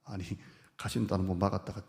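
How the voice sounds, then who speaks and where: A man pastor preaching a sermon in a lively, playful way, acting out quoted speech and teasing the congregation. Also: sits low, fast talker, gravelly. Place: church sanctuary. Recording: long hall reverb.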